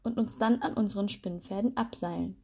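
A sporty little spider lad, proud of his tiny muscles and full of boasting, as a woman plays him. His voice is bold yet kindly, with a mellow storybook warmth. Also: medium pitch, fairly quick, vocal fry, breathy edge.

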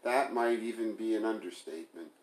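A man's voice: lowish voice, fairly quick, a little mellow, lightly acted. A man voicing a hurt, sarcastic young woman who confronts her partner, speaking in a pleading, bitter way. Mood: hurt, pressing. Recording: roomy echo.

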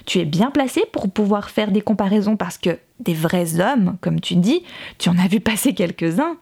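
A woman voicing a fierce young woman who speaks loudly and with biting sarcasm to defend her friend. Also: medium pitch, lively intonation, normal speed, breathy edge. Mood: sarcastic. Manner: cutting, loud and sarcastic.

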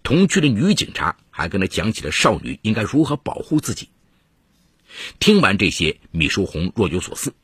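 A man narrating a true-crime story in a measured, scripted storytelling voice with dramatic emphasis. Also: fairly low pitch, very animated, husky, no echo. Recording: dry close studio voice-over.

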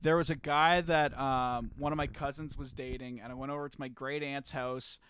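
A man's voice: mid-range voice, fairly even intonation, normal speed, fairly bright tone, clean tone. A young man co-hosting a podcast, telling stories in loose, profane casual chat and laughing often. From Canada. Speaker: podcast co-host.

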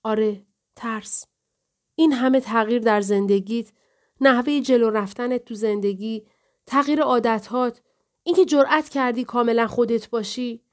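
A woman's voice: fairly high pitch, lightly acted. A woman reading the lines of a nervous young man who apologizes and breaks off mid-sentence in an audiobook. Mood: anxious. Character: anxious young man, unsure of himself.

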